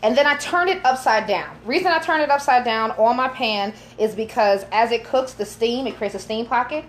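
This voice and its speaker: A woman's voice: fairly high pitch, moderate pace, slight background noise. A woman chef giving a live cooking demonstration in a kitchen, chatty and instructive, joking with her helpers, recorded on a phone camera. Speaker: chef and caterer. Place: home kitchen, indoors.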